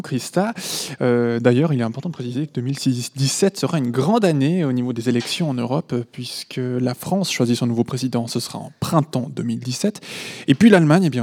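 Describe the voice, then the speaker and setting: A man's voice: mid-range voice, dark tone, breathy edge. A man hosting a radio program, fluently linking segments and introducing guests. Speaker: radio host. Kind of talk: radio presenting.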